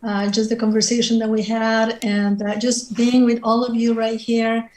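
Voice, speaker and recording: A woman's voice: fairly high pitch, little pitch movement, normal speed, a little mellow. A middle-aged woman from Mexico with a Mexican Spanish accent, a native Spanish speaker, speaking thoughtfully as a panelist on a video call and searching for her words. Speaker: panelist writer. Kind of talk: reflective panel conversation. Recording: roomy video-call audio.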